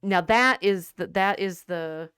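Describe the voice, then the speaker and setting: A woman's voice: medium pitch, a bit bright, clear, resonant tone, dry recording, studio quality. A woman co-hosting a casual discussion podcast, reading quotations aloud and musing with frequent restarts. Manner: thoughtful, halting, many restarts. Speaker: podcast co-host.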